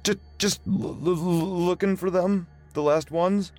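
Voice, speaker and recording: A man voicing a frightened young farmer who stammers and pleads, pitched well above his own voice. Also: steady tone, unhurried, darkish tone, soft background music. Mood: terrified.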